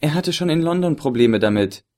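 A man's voice: a little high, expressive, brisk, dark tone, voice pushed up, natural voice. A man reading an audiobook voices a worried woman traveler in a raised, alarmed tone.

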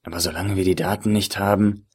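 A man voicing a guarded undercover male agent in a story, speaking low and hushed. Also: fairly even intonation, a little fast, breathy edge.

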